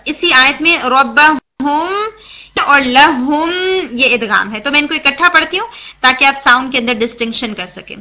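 Bright-voiced woman teaching recitation. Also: sits high. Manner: patient, explanatory, mixes English words into Urdu; checks in with listeners, asks and answers her own questions. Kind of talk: tajweed lesson, explaining and demonstrating.

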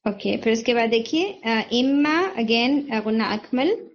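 A woman's voice: on the high side, animated, measured pace, muffled recording. A woman teaching Quran recitation rules, patiently quizzing her students and confirming their answers as she explains, mixing in English terms.

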